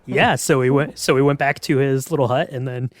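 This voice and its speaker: A male podcast host with a medium-pitched, fairly even voice talks a little fast in a casual conversation about game lore. He explains in a hesitant, hedging way, and there's no echo on the audio.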